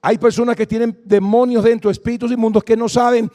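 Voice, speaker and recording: Fervent high-voiced male preacher. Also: level tone, fast, mellow. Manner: fervent, exhorting, calls to the congregation. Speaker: pastor. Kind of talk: Pentecostal deliverance sermon. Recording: long reverb in a large hall.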